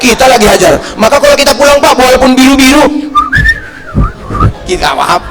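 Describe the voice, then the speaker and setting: Male preacher, middle-aged, from North Sumatra, high voice, loud, animated storytelling. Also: fairly quick, very noisy. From North Sumatra, Indonesia. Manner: animated storytelling, acting out voices of people in anecdotes; loud, shouting emphasis. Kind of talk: sermon.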